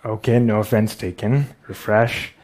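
A man's voice: lowish voice, fairly even intonation, moderate pace, darkish tone. A man with a Pakistani accent giving a storytelling talk on stage, wry and self-deprecating.

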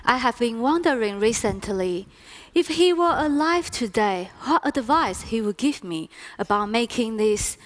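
A woman giving an expressive, deliberate staged talk performance. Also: on the high side.

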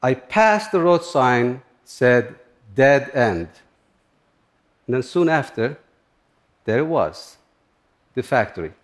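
A middle-aged man from Turkey, speaking halting in short phrases as he tells a personal story on stage. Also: medium pitch, expressive. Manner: plain, halting non-native English with short phrases. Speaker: speaker giving a talk.

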